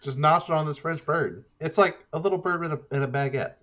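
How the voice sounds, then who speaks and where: A man with a fairly high pitch and a fairly bright tone talks fast as he casually improvises narration as director of the story in a tabletop horror-comedy game. The audio is slightly dull and muffled.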